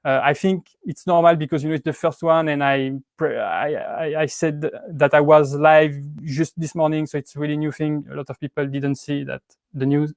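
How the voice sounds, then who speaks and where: A man's voice: on the high side, fairly even intonation, moderate pace, gravelly, no echo, studio quality. A man in his thirties from Switzerland with a French accent, chatting casually on a livestream, hesitant with many restarts and fillers. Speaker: YouTube prop-making channel host. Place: indoors at home with cats.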